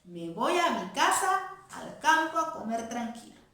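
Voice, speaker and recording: A woman voicing a timid, frightened male mouse in a children's play, squeaky and panicky, in an echoey room. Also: sing-song, slow pace, fairly bright tone, exaggerated voice. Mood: tearful.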